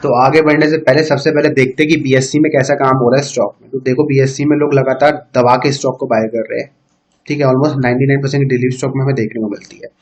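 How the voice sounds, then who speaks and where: A man giving a casual trading tutorial, talking straight to viewers and filling pauses with "okay". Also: medium pitch, flat delivery. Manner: conversational, repeats "theek hai" often, addresses viewers directly. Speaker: stock market educator.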